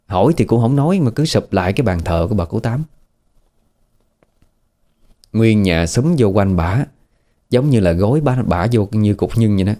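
A man's voice: lowish voice, expressive, fairly quick, mellow. A man with a Southern Vietnamese accent telling a horror story in a chatty, conversational way, often asking the listener questions. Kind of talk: casual spoken horror storytelling.

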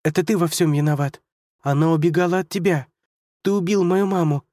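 A man voicing a frightened young girl who cries out in panic with a high, strained pleading voice. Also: moderate pace, darkish tone, no room sound, studio quality, close to an everyday voice. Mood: accusing.

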